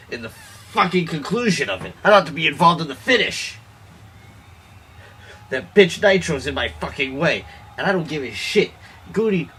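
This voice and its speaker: A boastful pro wrestler snarls out a profane promo, voiced by a man. He sounds tipsy and aggressive, and his voice has a bright, sharp bite. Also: mid-range voice, slightly rough. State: has been drinking.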